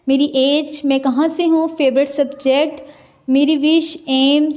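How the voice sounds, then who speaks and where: High-voiced young woman vlogger. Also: a little mellow. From Pakistan. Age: 20s. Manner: chatty, answers viewer questions one by one with practical advice. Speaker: student vlogger. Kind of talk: casual Q&A vlog. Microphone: mobile phone.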